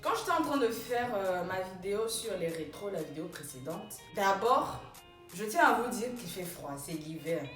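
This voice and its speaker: Animated young woman telling a story. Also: medium pitch, moderate pace, recorded from a distance, soft background music. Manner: rising sharply when retelling quarrels. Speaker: vlogger. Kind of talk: casual storytime. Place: small room indoors. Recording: roomy, from off-mic.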